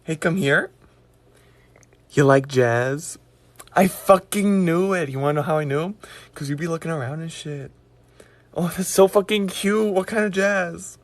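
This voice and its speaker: A man in a comic sketch, excitedly gushing and swearing. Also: fairly high pitch, measured pace, pauses often, no room sound.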